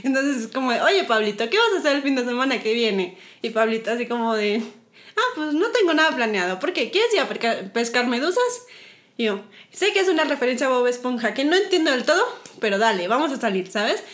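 A young Mexican woman telling a dating story in a casual podcast chat, animated and giggly, acting out her own lines. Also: a little high, brisk. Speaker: podcast co-host.

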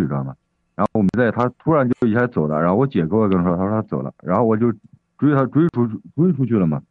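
A man with a low voice phones in to a radio advice program, rambling and hesitant, full of fillers and restarts. He talks fast over a tinny phone line. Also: no room sound. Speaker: caller. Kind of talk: phoning in to a radio advice show.

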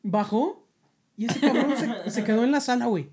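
A woman's voice: a little high, moderate pace, a loud crowd. A young woman with a Mexican accent, telling a funny story in slangy casual chat on a podcast and laughing often. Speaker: podcast host.

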